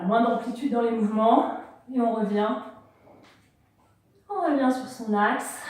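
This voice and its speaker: A woman teaching a yoga and movement class, giving slow, calm cues to breathe in and out. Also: on the high side. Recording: very echoey room, far from the mic.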